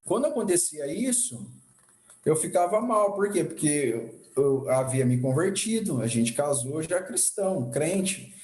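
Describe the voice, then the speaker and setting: A man's voice: fairly high pitch, animated, unhurried, darkish tone. Man teaching a church class in a roomy echo. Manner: conversational, reflective, sprinkled with "né". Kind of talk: personal testimony while teaching.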